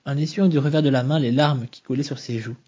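A man reading a novel aloud in a soft, measured way, home-recorded. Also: medium pitch, fairly even intonation, slightly rough, lo-fi sound. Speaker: reader.

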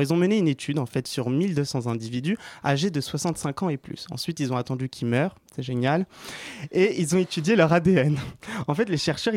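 A man's voice: fairly high pitch, a little mellow, no room sound. A man giving a playful health column on the radio, chatty and joking, laughing often in a studio. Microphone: studio microphone.

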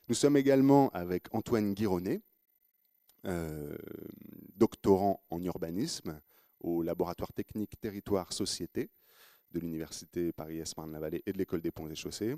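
A man's voice: low voice, mellow, no echo, clean studio sound. A man with an English accent hosting a radio panel, introducing guests with frequent hesitations. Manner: hesitant, many fillers and restarts. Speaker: radio host.

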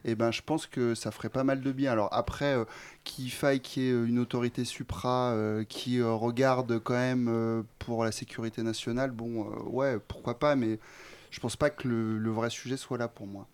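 Male guest, mid pitch, slangy and rambling, thinks out loud. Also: little pitch movement, normal speed, clear, resonant tone. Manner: rambling, many fillers and restarts, slangy. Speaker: guest, website founder. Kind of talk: casual radio discussion. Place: radio studio.

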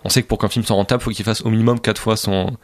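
A man's voice: on the low side, fairly even intonation, racing, dry recording. A man discussing films in a casual talk, explaining his points fluently. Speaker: film critic.

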